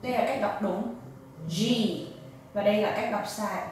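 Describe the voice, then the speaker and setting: Woman teacher going slow over syllables, voice a bit far off in an echoey room. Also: medium pitch, fairly even intonation, a little mellow, a little hiss or hum. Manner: slow, careful demonstration of syllables. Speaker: Japanese teacher. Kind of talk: pronunciation lesson.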